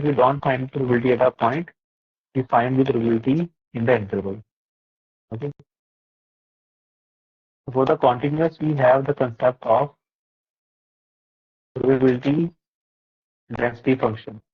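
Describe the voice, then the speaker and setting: A man's voice: mid-range voice, slightly rough. A man, teaching a live online class in a patient, explanatory way, with frequent fillers. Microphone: laptop or headset mic on a video call. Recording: muffled, lo-fi online call audio.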